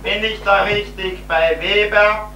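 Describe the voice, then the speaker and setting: A man plays a stern young policeman in a stage comedy. He is curt and officious and speaks slowly. The sound is echoey and far from the microphone. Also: high voice, steady tone, bright, forceful tone, exaggerated voice. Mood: stern, puzzled. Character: stern young village policeman questioning a witness. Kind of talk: amateur stage comedy acting. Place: small theatre stage, recorded from the audience. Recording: echoey stage, distant camera mic, hissy hum.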